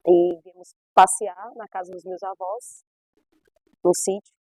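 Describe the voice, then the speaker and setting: A woman's voice: mid-range voice, steady tone, measured pace, mellow, husky, no room sound, rough recording. A middle-aged woman from Brazil's Northeast, a gospel singer giving her testimony in an emphatic, storytelling way with repeated phrases. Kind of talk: personal testimony.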